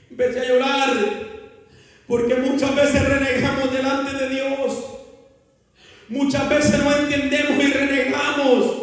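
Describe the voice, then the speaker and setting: A man from Guatemala preaching a fervent testimony sermon that rises to shouts, in a church hall. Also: very high voice. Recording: echoey hall reverb.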